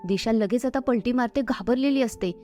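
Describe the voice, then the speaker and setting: A woman narrating a TV serial recap in a steady storytelling voice. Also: fairly high pitch, normal speed, soft background music.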